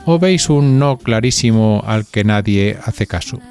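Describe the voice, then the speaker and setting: Over music, a Spain-accented podcast host reads narration from a script and addresses conversational questions to his listeners. He talks in a lowish, expressive voice at a slightly slow pace.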